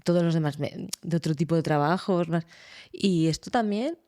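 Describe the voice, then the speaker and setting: A woman's voice: on the low side, moderate pace. A woman, a psychologist hosting a podcast, telling stories expressively in casual conversation. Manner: expressive, animated storytelling.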